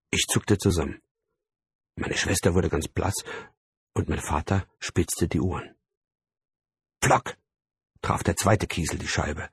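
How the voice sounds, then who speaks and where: A man's voice: low voice, slightly rough, dry recording. A man narrating a first-person story in a dramatic, tense style, voicing sound words vividly, close to a studio mic. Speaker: audiobook narrator.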